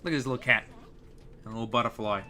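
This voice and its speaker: A man's voice: mid-range voice, rapid-fire, pushed and bright, slight background noise. A young man chatting casually on a live stream, rambling and hesitant, with lots of fillers.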